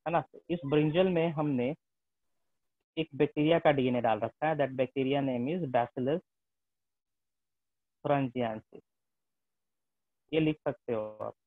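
An unhurried man with a fairly high voice gives a classroom lecture, mixing English terms into his speech and checking in through tag questions. There's no room sound, though the recording is tinny like a phone.

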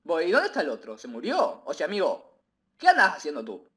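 Brief: male gamer, rambling live commentary, very lively swooping delivery. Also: on the high side, a little fast. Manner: excitable, rambling, repeats himself, bursts into shouts. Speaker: gaming video creator.

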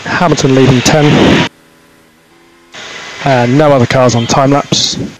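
Man, race spotter radio, race engineer, terse traffic callouts, medium pitch, clicks and clear background noise. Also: fairly even intonation, unhurried. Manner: terse, clipped, procedural callouts. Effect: team radio. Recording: noisy car-to-pit radio transmission.

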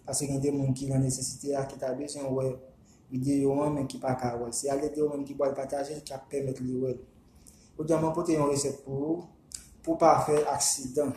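A man with a Haitian accent, a vodou practitioner whose first language is Haitian Creole, giving casual spoken instructions in a halting, repetitive way and slowly chanting names. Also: mid-range voice, little pitch movement, mellow, echoey room, a little hiss or hum.

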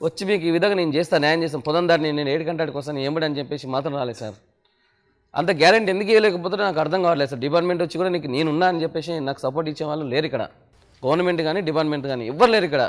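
A man's voice: on the high side, racing. A young man, a grieving father, pleading and complaining about the lack of justice. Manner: pleading, addresses listener as sir. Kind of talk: emotional complaint.

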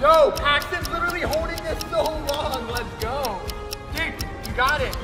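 A man's voice: very high voice, measured pace, roomy sound, in a large hall, recorded from a distance, over loud music. A man hosting a casual competition vlog, cheering and teasing the players. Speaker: vlog host.

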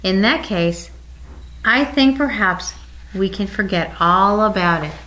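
A woman voicing a stern, fatherly male teddy bear who speaks in a measured, firm way. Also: mid-range voice, lively intonation, bright, forceful tone. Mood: solemn.

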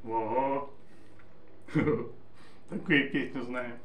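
A man's voice: mid-range voice, very slow, a bit bright, echoey room, a little hiss or hum. A man filming a mukbang vlog, chewing while he talks in a joking, playful way. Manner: joking, playful, sings snatches of songs. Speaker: mukbang vlogger. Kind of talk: casual chat while eating on camera.

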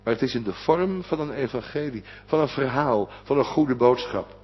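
A pastor, a man, preaching a sermon, swinging from loud urging to a hushed whisper. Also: mid-range voice, animated, normal speed, husky. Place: church. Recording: dull lo-fi recording with long church reverb.

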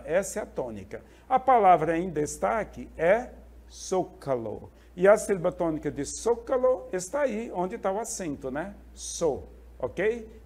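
A man's voice: sits high, a little mellow. A male Spanish teacher explaining a lesson to students, often checking in with short questions. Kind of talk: classroom lesson.

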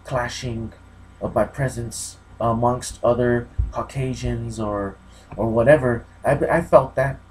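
A man's voice: medium pitch, steady tone, takes it slowly, a little mellow, slight background noise, poor audio. A man from New Mexico giving an unscripted vlog monologue, rambling and often repeating himself and restarting. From New Mexico, USA. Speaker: vlogger.

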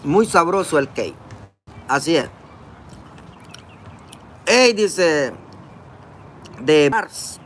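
Here a Honduran-accented man in his forties livestreams from his phone, held close, while sitting at an outdoor park table eating and greeting chat viewers by name in a relaxed way. He speaks very slowly with frequent pauses, in a slightly high, fairly bright voice with lively intonation, and there's a little hiss or hum.

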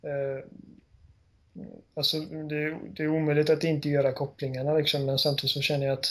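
Guy co-hosting a game podcast, kinda high voice, animated storyteller. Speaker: podcast co-host. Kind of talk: casual chat.

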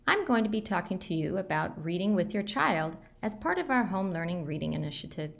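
A woman narrating a scripted explainer for parents as a school principal, in a deliberate, instructional manner that stresses key points. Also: lowish voice, sing-song, creaky.

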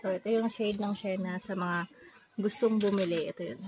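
A Filipino woman with a hoarse, partly lost voice, speaking softly in a casual makeup review from her bedroom. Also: medium pitch, fairly even intonation, normal speed, a crowd in the background. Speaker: beauty vlogger. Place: her bedroom in a family house. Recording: noisy home room with TV behind. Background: TV and relatives' noise from nearby rooms.

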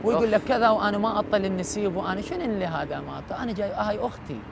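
A middle-aged cleric with an Iraqi Arabic accent, giving reflective, halting answers in an outdoor interview. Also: male voice, sits high, creaky. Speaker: religious cleric guest. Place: outdoors at night in a city park. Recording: traffic and city noise behind.

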